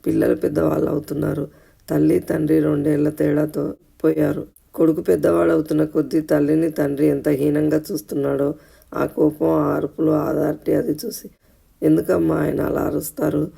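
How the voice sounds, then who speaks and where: A man narrating an audio short story in a steady, scripted reading voice. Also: on the high side, normal speed, vocal fry, slightly rough.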